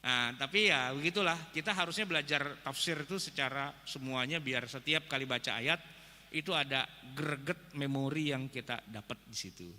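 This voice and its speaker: A man's voice: medium pitch, normal speed, bright, forceful tone. A man with a Jakarta accent giving a chatty, joking religious lecture, often addressing listeners as "Pak". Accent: Jakarta Indonesian. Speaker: Islamic preacher. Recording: reverberant hall with faint noise.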